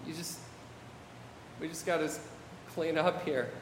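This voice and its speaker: A man's voice: on the high side, steady tone, a little slow, background noise. A man preaching a sermon, reading scripture and adding wry, modern asides. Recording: echoey hall with long reverb, faint ambience.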